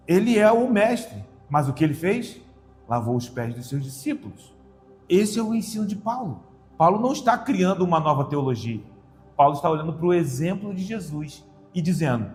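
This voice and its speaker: A man preaching a sermon, reading scripture slowly and with emphasis. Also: high voice. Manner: slow emphatic scripture reading, measured delivery.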